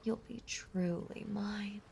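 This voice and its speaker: A voice actress performs an ASMR roleplay as a clingy, possessive yandere mermaid, a sweetly obsessive young woman, lingering softly and breathily on each word. She sounds sweetly possessive, with a slow, gravelly, medium-pitched voice held at a steady tone. Faint background noise mixes with water ambience and ocean sound effects.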